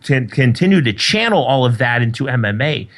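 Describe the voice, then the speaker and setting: A man's voice: mid-range voice, sing-song, a little fast, a bit bright. Man telling sports stories on a podcast. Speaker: podcast co-host. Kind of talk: casual chat.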